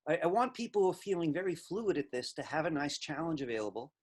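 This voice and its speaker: A man's voice: on the high side, big pitch swings, fast, darkish tone. A middle-aged man teaching a recorded class, talking conversationally and reflectively, stressing key words as he explains.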